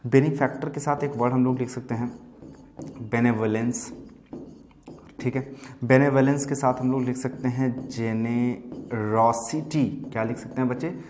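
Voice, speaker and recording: A man's voice: mid-range voice, fairly even intonation, a little slow, a little mellow, echoey room, slight background noise. A man teaching English vocabulary for exams, explaining in Hindi mixed with English and often checking in with his students. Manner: explains words in Hindi mixed with English, calls listeners "bachche"; keeps checking in with "theek hai?". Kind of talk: exam-prep lesson.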